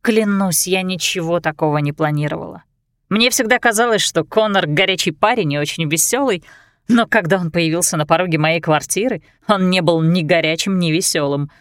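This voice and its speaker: A woman's voice: on the low side, fairly quick, no room sound, studio quality, close to an everyday voice. A woman voicing a young, emotional best friend in an audiobook, speaking in an earnest, pleading way. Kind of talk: audiobook character voice.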